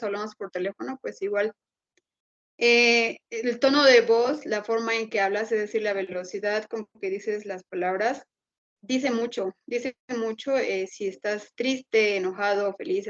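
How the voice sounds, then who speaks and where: A woman's voice: mid-range voice, dull audio. A woman presenting her argument in a debate over a video call, earnestly listing her points with fillers. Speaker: debate participant.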